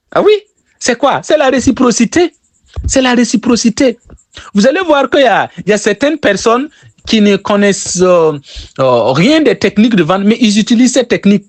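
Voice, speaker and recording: Lively high-voiced Burkinabè man teaching sales. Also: no room sound. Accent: Burkinabè French. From Burkina Faso. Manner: repeats key phrases for emphasis, addresses listeners directly. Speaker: sales trainer.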